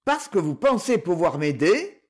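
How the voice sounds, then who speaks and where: A reader voicing a gruff, hostile old man in a wheelchair, snapping and sneering. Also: medium pitch, sing-song, measured pace. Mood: surly. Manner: surly, snapping.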